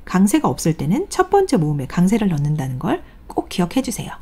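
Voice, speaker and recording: A woman's voice: lowish voice, huge pitch swings, fast talker, mellow, husky. A woman teaching English pronunciation in a recorded online lecture, patiently reading examples aloud for the class to follow.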